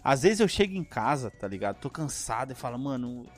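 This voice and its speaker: A man co-hosts a casual podcast, rambling in slangy chat packed with fillers. His voice is medium-pitched, sing-song and fairly quick, with faint music in the background.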